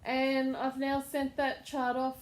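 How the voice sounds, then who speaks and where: A woman's voice: sits high, completely flat delivery, slow, a little hiss or hum. A middle-aged woman, hosting a crafts channel in a casual, rambling chat at home with lots of fillers. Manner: chatty, rambling, with fillers and laughs. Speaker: cross-stitch channel host.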